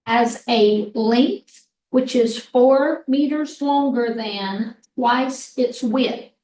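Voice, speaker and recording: A woman math instructor with a hoarse voice, explaining a problem slowly step by step in a recorded lecture. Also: on the high side. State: hoarse, clearing throat. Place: classroom. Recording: echoey room, mic far off.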